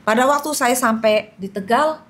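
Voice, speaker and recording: A woman's voice: on the high side, normal speed, fairly bright tone, a little hiss or hum. A middle-aged woman giving an earnest personal testimony, telling her story and acting out what others said. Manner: earnest, storytelling, quotes others in acted voices. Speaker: guest sharing a personal testimony.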